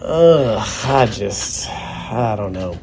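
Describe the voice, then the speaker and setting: A man's voice: fairly low pitch, expressive, drawn-out words, vocal fry, darkish tone, slight background noise. A man, a young adult guest comedian, delivering a sarcastic, grumbling comedic rant.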